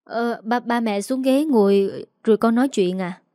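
A woman's voice: a little high, normal speed, warm tone, dry recording, natural voice. Woman reading as a hesitant young husband, stammering, evasive, dry close sound.

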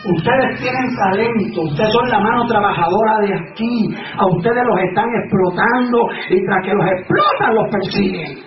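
A man preaching a fervent sermon as pastor, asking rhetorical questions and shouting out exclamations. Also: high voice, normal speed, a little hiss or hum. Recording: echoey, distant, dull sound with a crowd.

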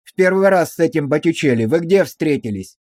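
A man's voice: on the high side, animated, fairly quick, a little mellow, no room sound. A man playing a stern rural police officer who speaks in curt, commanding phrases.

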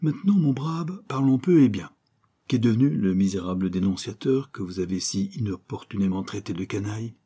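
A man's voice: fairly low pitch, fairly quick, mellow, husky. A man reading a novel aloud, voicing a bold, jovial male detective who talks in a hearty, commanding way. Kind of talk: audiobook character reading.

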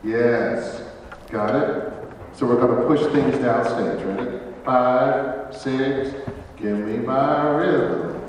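Slow-talking male rehearsal director, calls counts and cues, heard from afar in a roomy hall. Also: medium pitch, background noise. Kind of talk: rehearsal instructions. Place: large stage hall. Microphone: far camera. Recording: echoey hall from far off.

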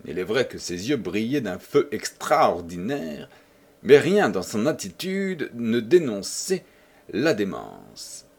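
A man narrating a classic novel as an audiobook, with expressive storytelling. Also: on the low side, takes it slowly, husky. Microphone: home microphone.

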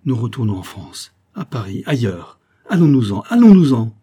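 A man's voice: on the low side, fairly even intonation, moderate pace, dark tone, breathy edge. A man voicing an imperious, passionate young French princess in a storybook reading, commanding and fervent. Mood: distressed. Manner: commanding, then fervent and rapturous.

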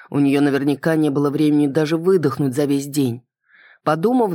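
A reader telling a fantasy story in first person, calm and even. The voice sits in a middle register. The sound is dry and close, with no room echo. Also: medium pitch. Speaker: audiobook reader.

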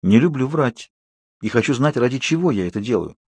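A stubborn teenage girl presses her point firmly and insistently, as a male audiobook reader voices her. The husky voice stays close and dry, with no room sound. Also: mid-range voice, expressive, a little fast, darkish tone, no echo. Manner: firm, insistent, rising when upset. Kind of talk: audiobook reading.

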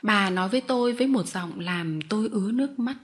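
A woman narrating a novel in a steady, measured audiobook reading. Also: medium pitch. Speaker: audiobook reader. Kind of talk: storybook narration.

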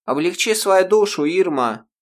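A man's voice: high-pitched, expressive, pitched above the performer's own voice. A man doing a bossy, lecturing schoolgirl. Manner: lecturing, brisk, matter-of-fact. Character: bossy, self-assured teenage schoolgirl.

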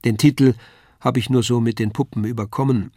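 A man's voice: medium pitch, fairly even intonation, a little fast, dark tone, dry recording, lightly acted. Brief: mild, pleading woodcarver-puppeteer, read by a male narrator, dry close sound. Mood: modest. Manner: mild, conciliatory.

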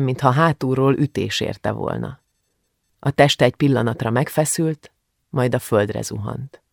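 A man reading an audiobook in a grave, measured way, close on a studio mic. His voice has a gravelly fry to it. The sound is dry, with no room echo. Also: medium pitch. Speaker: audiobook narrator. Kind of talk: audiobook narration.

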